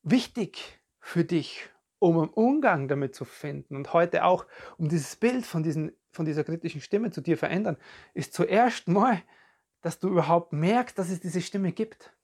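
A podcast coach giving a calm, reflective self-help talk straight to the listener, often searching for words and repeating phrases. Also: medium pitch, normal speed. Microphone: podcast and video recording.

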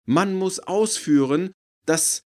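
A man's voice: high-pitched, slow pace, pitched above the performer's own voice. A man reading an audiobook, voicing a long-winded, pedantic male professor. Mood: lecturing.

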